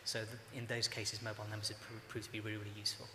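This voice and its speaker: Low flat-voiced man on a panel. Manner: measured, explanatory, many fillers. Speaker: panelist from a broadcaster's social news team. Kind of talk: conference panel discussion. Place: conference hall, live panel. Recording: echoey hall with faint noise.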